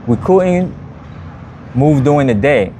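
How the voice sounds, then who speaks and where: A man's voice: fairly high pitch, animated, takes it slowly, warm tone, a little hiss or hum. Liberian-accented man telling his story. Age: 30s. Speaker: interview guest. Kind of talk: personal life story in an interview.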